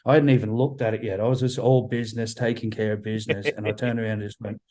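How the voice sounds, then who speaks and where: A man's voice: fairly low pitch, little pitch movement, fast talker, darkish tone, low-quality recording. A man talking casually about his band over a video call, enthusiastic, repeating words and using many fillers. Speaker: band member guest.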